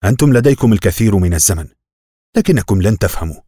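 A man voicing a weary male prisoner who speaks quietly and tiredly in an audiobook. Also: on the low side, animated, fast talker, slightly rough, no room sound, clean studio sound.

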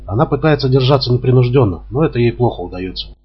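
Husky male audiobook narrator. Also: medium pitch, lively intonation, fast talker. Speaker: audiobook reader. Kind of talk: scripted narration of a crime novel. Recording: dull lo-fi audiobook recording.

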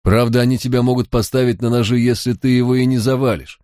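A man's voice: medium pitch, steady tone, fast talker, warm tone, dry recording, clean studio sound, voice pushed up, natural voice. A man voicing a shrewd, cocky male police detective who talks in a mocking, coaxing drawl. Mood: coaxing mockery.

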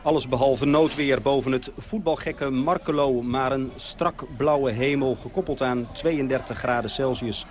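A man reporting for radio from an outdoor football match, reading a measured, descriptive scripted report. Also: mid-range voice. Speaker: sports reporter. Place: outdoors at a sports field.

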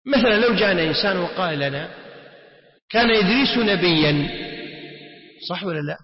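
Speaking high, animated and a little fast, a male Islamic scholar explains a text in a religious lesson, repeating words and throwing rhetorical questions at his students. The sound is muffled lo-fi in an echoey hall.

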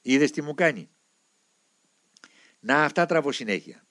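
A man's voice: on the high side, lively intonation, fairly bright tone. A man voicing an older monk who speaks plainly and wearily of his burden. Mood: weary. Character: troubled older male monk, pleading.

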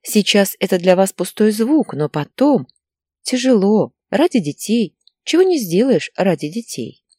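A woman's voice: medium pitch, sing-song, a little slow, slightly rough, no room sound, clean studio sound. A woman voicing a hysterical, tearful pregnant young wife who whines and snaps defensively. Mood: preachy. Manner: whiny and defensive, breaks into shouting.

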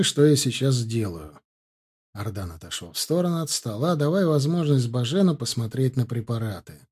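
Male narrator, mid pitch, mellow and slightly breathy, steady novel reading. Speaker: audiobook narrator. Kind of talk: scripted narration.

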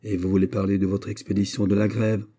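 A man voicing a proud young king in an audiobook, speaking in a lofty, commanding way, higher than his narration. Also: flat delivery, fast, dark tone, natural voice. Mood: gracious. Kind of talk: audiobook character voice.

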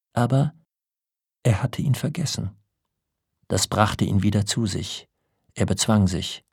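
Male audiobook narrator, low husky voice, unhurried, dry close recording. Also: no room sound. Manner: measured, dramatic storytelling. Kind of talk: scripted literary narration.

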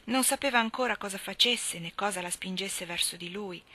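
A woman's voice: mid-range voice, bright, forceful tone, close to an everyday voice. A woman reading as an earnest young country girl.

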